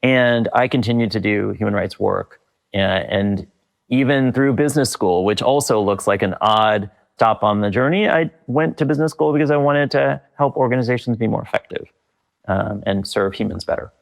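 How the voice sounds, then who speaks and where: A middle-aged leadership consultant with a lowish, gravelly voice talks at normal speed as an interview guest. The conversation is reflective, and he thinks aloud carefully, often using fillers and restarting his sentences.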